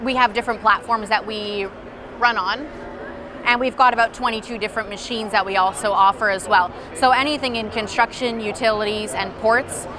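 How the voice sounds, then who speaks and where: A woman's voice: fairly high pitch, steady tone, moderate pace. A woman company representative explaining a product conversationally in a demo at a trade show. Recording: busy outdoor trade-show crowd noise.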